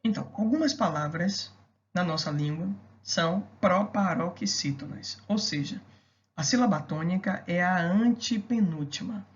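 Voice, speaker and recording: A woman with a fairly low voice teaches a recorded grammar lesson. She explains each rule patiently and keeps checking in with the listener through quick rhetorical questions. The recording is dull and somewhat lo-fi.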